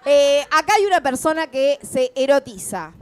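A woman's voice: high-pitched, lively intonation, moderate pace. A woman with an Argentine accent co-hosting live radio, reading out listener messages in a wry way. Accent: Argentine Spanish. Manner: wry, moves the segment along. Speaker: radio show co-host.

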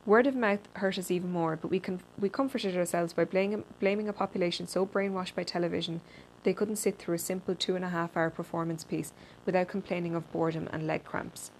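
A woman reads a personal essay aloud in a dry, deadpan manner, with a slightly low voice. She sometimes trips over a word and restarts it. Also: fairly quick, a little hiss or hum, poor audio. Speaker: reader.

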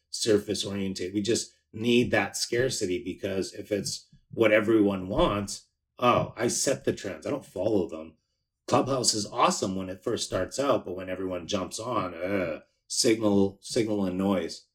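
Man chatting casually as podcast guest. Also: lowish voice. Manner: relaxed storytelling, playful. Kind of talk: casual chat.

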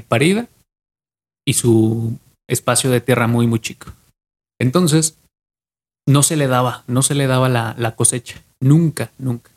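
A young adult man with a Mexican accent casually retells a legend from memory on a podcast, often repeating and restarting his phrases. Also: medium pitch. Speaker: podcast co-host.

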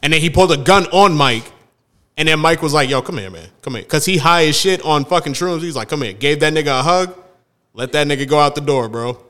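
Bright, animated man telling stories. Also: on the high side, brisk, smooth. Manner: animated storytelling, acts out quoted voices. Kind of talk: casual chat.

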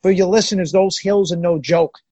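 A man's voice: high-pitched, fairly even intonation, a little fast, dark tone, dry recording, lo-fi sound. A male host who asks questions in a chatty interview and often stumbles into them. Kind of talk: interview chat.

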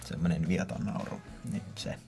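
A man's voice: deep voice, fairly even intonation, gravelly, warm tone, soft background music. A man in his thirties co-hosting a podcast, joking playfully and imitating sounds in casual chat. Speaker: podcast co-host.

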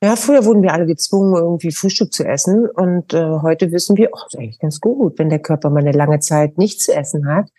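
A middle-aged woman gives a podcast interview, coaching the listener in an emphatic, coaxing way. Her voice is husky and mellow and sits fairly low. It sounds close and dry. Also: fast, few pauses, dry recording. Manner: emphatic, coaxing advice with direct address. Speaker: naturopath guest.

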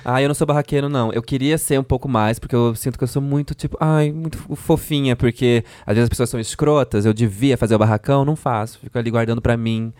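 A man's voice: medium pitch, fairly even intonation, fast talker, few pauses, a little mellow, no room sound, studio quality. A man co-hosting a comedy podcast, jokey and camp. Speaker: podcast host. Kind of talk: casual chat.

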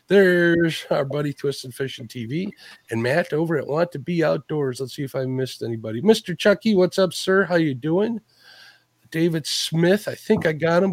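A man's voice: on the high side, no room sound. A man co-hosting a live fishing stream, chatting casually and greeting viewers by name.

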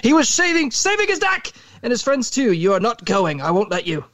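A man's voice: extremely high pitch, big pitch swings, fairly quick, fairly bright tone, no echo, highs cut off, voice pushed up, full character voice. A man reading aloud and voicing a bitter, resentful teenage schoolboy who speaks defensively and sputters. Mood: sputtering.

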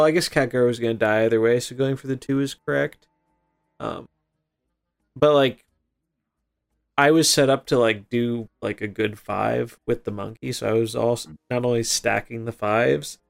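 Male gaming podcast host, creaky voice, mid pitch, casual analytical match commentary. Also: fairly even intonation, moderate pace, faint music behind. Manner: analytical, explanatory. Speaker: podcast host playing a card game. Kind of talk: casual gameplay chat and commentary.

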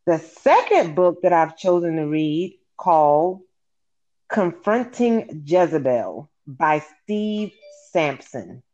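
A guest sharing personal habits in a measured, reflective way. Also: medium pitch, very animated, a little mellow. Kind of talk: casual interview chat. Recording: dull lo-fi line.

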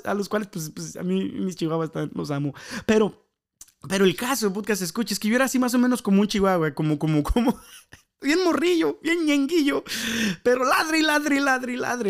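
A young man with a Mexican Spanish accent hosts a solo podcast, his voice sitting a little on the high side. He rambles through a story with many fillers and repeated words. His tone stays casual and unscripted. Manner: rambling, lots of fillers and repeats, laughs at himself. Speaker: podcast host.

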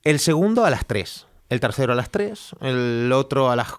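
Animated storytelling man, mid-pitch. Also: moderate pace. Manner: animated storyteller, acts out news quotes. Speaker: podcast co-host. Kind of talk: casual chat.

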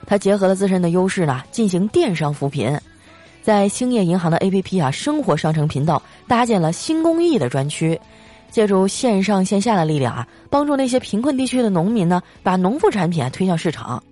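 A woman's voice: mid-range voice, faint music behind. A young woman doing a comic storytelling monologue, joking and drawing out her particles. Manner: lively, joking, sprinkled with drawn-out particles. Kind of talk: comic monologue with sponsored segment.

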